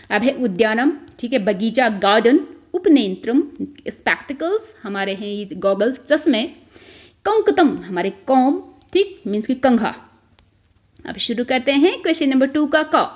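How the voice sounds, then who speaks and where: A woman's voice: on the high side, expressive, a little slow. A woman teaching a school textbook lesson, explaining each term step by step and often checking in with the listener. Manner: explains step by step, repeats "ठीक है" often, mixes in English words.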